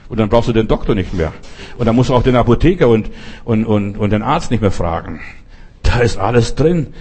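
A man delivering a fervent sermon, urging his listener again and again in short direct commands. His voice sits in an ordinary middle pitch but comes out husky and a little rough. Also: warm tone. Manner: exhorting, addresses listener directly as du. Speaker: preacher.

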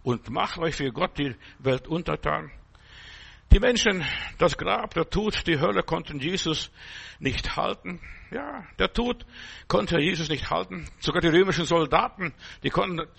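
A man's voice: on the high side, measured pace, creaky, fairly bright tone, husky. A man preaching an emphatic sermon, repeating his points and quoting scripture.

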